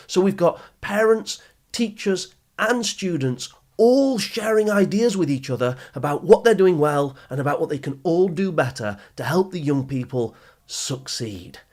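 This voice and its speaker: A British study skills coach hosts a motivational advice podcast, talking straight to listeners in an emphatic, explanatory way full of rhetorical questions and repetition. His voice is a little high with a darkish tone.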